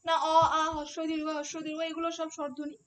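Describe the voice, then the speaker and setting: A woman's voice: sits high, monotone, fast, a bit bright. A woman teaching a phonetics lesson for an exam, explaining step by step and asking rhetorical questions. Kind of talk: online exam-prep lesson.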